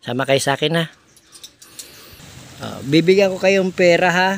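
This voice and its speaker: A man's voice: a little high, normal speed, slight background noise. A man filming a casual vlog, coaxing children to speak with short repeated prompts. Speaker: vlogger visiting a needy family.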